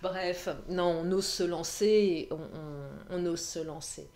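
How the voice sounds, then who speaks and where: A woman's voice: on the low side, slow, darkish tone. A woman casually reading tarot and oracle cards, chatty, often laughing and repeating her phrases. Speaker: tarot and oracle card reader. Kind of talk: casual card-reading monologue. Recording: echoey room with faint noise.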